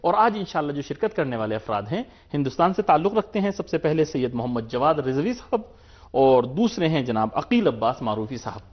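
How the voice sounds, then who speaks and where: A man's voice: a little high, big pitch swings, highs cut off. A man hosting a religious TV program, speaking politely and formally with frequent short affirmations. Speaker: TV program host.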